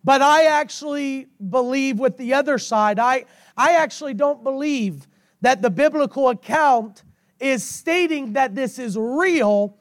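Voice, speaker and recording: A man preaching and praying to a congregation in a hoarse, failing voice, with drawn-out, emphatic phrasing and repetition. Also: very high-pitched, no echo, clean studio sound. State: hoarse, losing his voice while recovering from illness. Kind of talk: sermon and prayer to a congregation. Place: speaking to a congregation through a sound system with monitor.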